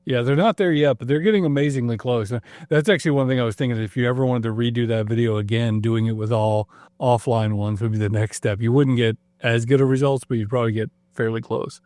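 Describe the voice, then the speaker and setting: A man guesting on a podcast, explaining in a relaxed, agreeable way. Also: medium pitch, fast talker, no echo. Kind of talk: casual conversation.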